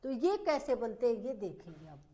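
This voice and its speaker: A woman teacher giving a slow, repetitive grammar lesson, asking the class questions as she explains. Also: on the high side, big pitch swings, dark tone. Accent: Hindi.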